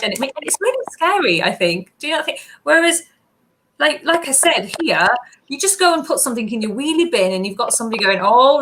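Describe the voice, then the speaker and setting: A woman rambles through a comic debate, chatty and full of asides. Her voice is high and very bright, with a faint hiss of noise in the background. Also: poor audio. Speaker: comedian panelist.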